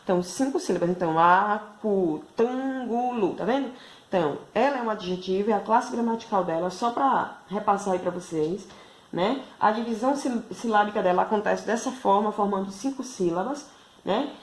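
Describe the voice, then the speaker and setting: Speaking a little fast, with a medium-pitched, somewhat dark voice, a woman with a Brazilian Portuguese accent teaches a video math lesson to schoolchildren. As a primary school teacher, she explains patiently and keeps checking in with tag questions.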